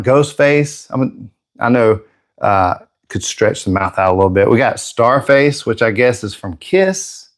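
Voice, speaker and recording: Joking, chatty man hosting a live stream. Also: mid-range voice. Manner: joking, rambling, chatty with viewers. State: slightly out of breath. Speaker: airbrush artist hosting a live painting stream. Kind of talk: casual live-stream chat.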